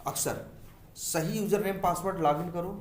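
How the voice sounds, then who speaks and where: Male instructor, somewhat high voice, classroom lecture, quizzes students, echoey room. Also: moderate pace, a little hiss or hum. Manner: asks the class questions and answers them himself, repeats key terms; mixes English technical terms into Hindi. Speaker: software testing instructor.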